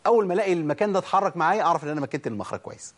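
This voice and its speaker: A man with an Egyptian Arabic accent teaching Quran pronunciation. He asks questions and answers them himself, and draws out the sounds he demonstrates slowly. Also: on the high side, expressive. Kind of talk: pronunciation lesson.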